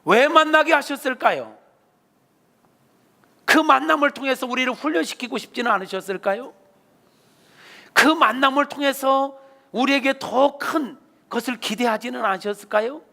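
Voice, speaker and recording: A male senior pastor preaching a sermon, telling a story with animated delivery. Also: extremely high pitch, moderate pace, vocal fry. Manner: animated storyteller, acts out voices.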